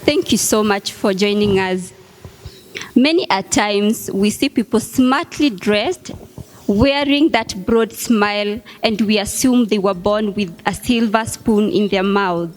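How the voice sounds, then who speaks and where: A Kenyan woman hosting an interview show, speaking slowly and gently with frequent encouraging affirmations. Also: medium pitch. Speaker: host.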